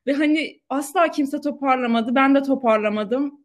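A young woman in her twenties chatting casually, telling stories in an animated way with slang and laughter. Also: sits high, moderate pace. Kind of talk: casual chat.

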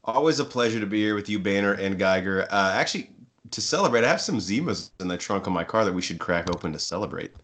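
A man's voice: on the low side, lively intonation, quick pace, fairly bright tone. A man co-hosting a podcast in casual, joking banter. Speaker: podcast co-host.

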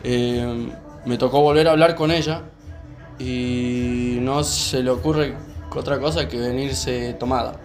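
A young man with a Rioplatense Spanish accent, calmly telling a personal story on a podcast, with many fillers. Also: medium pitch, faint music behind. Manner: calm, unhurried, many fillers. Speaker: podcast co-host. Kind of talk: casual storytelling chat.

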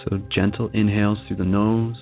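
Male meditation guide: low, gravelly voice, soft and soothing, leaving long pauses, over music. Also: level tone, narrow, tinny audio. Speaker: meditation guide, show host.

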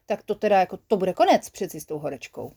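A woman's voice: mid-range voice, big pitch swings, vocal fry, mellow, husky, heavily acted. Woman doing an eager, stumbling little creature. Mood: earnest.

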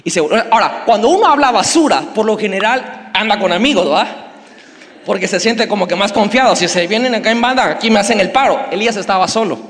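High-voiced pastor in a hall. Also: male voice, expressive, brisk, fairly bright tone. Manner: slangy, storytelling sermon with a humorous aside. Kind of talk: sermon. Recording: long hall reverb.

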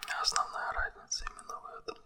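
A man speaking an ASMR monologue straight to the listener in a breathy, unvoiced whisper, right in the ear and close to the mic, with blunt wording. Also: fast, bright, forceful tone. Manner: blunt, coarse language.

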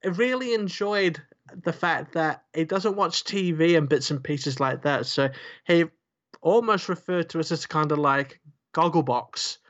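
A man's voice: on the high side, a little slow, a bit bright, muffled recording. A man co-hosting a podcast in casual chat, rambling and joking with lots of fillers. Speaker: podcast co-host.

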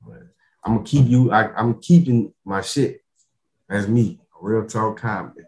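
A man's voice: on the low side, a little slow, darkish tone, roomy sound, poor audio. A man chatting casually in street slang, circling back over his words and often adding bro, man and you know. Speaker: comedian, podcast guest.

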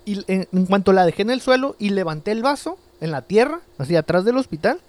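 A man's voice: high-pitched, fairly quick, dry recording. Young Mexican man telling a story. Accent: Mexican Spanish. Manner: animated, slangy, laughs while telling. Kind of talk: casual storytelling chat.

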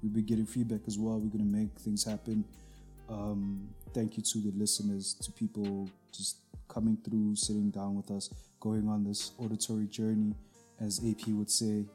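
A man's voice: on the low side, completely flat delivery, moderate pace, mellow, soft background music. A South African man co-hosting a podcast, chatting casually and rambling with restarts. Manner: rambling, restarts with filler words. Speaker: podcast co-host.

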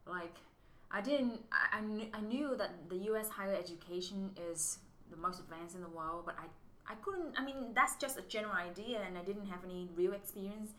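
In an echoey room with faint noise, a woman from Vietnam, an MBA student guest, answers interview questions casually. Her mid-range, fairly bright voice runs a little fast with hardly any pauses, and she is thoughtful, often restarting, with non-native English phrasing.

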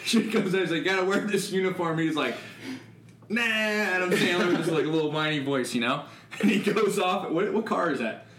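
A man's voice: a little high, lively intonation, a little fast, fairly bright tone, reverberant. A man co-hosting a podcast, chatting casually and loosely, swearing freely and saying "like" a lot. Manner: laid-back, swears freely, lots of "like". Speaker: podcast co-host. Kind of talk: casual chat.

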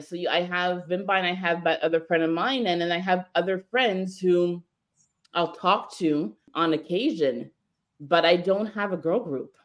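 A woman co-hosting a podcast, talking casually and candidly in quick bursts. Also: lowish voice. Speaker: podcast co-host.

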